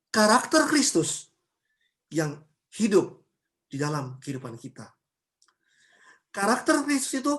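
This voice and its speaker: A woman pastor from Ambon giving a sermon at a church service, chatty and lively, full of homely examples and rhetorical questions. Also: medium pitch. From Ambon, Indonesia.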